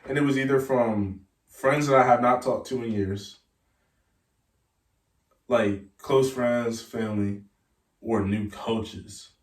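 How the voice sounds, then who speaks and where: A man's voice: medium pitch, slow pace, pauses often. A young man, a college football player, telling stories in casual talk as a podcast guest and acting out the voices of the people in them. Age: young adult. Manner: animated, acts out voices in his stories. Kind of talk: casual storytelling. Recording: roomy echo, mic at a distance.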